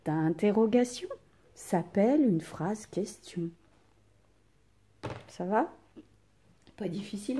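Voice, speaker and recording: Woman teacher, recorded lesson for young kids. Slow, mellow, with exaggerated intonation. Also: medium pitch, husky. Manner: asks pupils questions and leaves pauses for answers. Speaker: primary school teacher.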